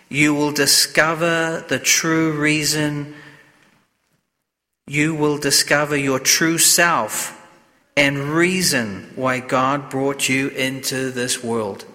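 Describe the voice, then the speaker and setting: Priest guy giving a slow solemn sermon, bright forceful voice, big cathedral echo. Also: a little high. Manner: solemn, deliberate, measured phrasing. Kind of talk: sermon and scripture reading at Mass. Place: inside a church. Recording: long cathedral-like echo of a church.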